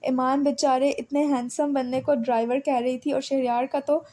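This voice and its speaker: A woman reading a romance novel aloud in steady storytelling narration. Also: sits high. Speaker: novel reader.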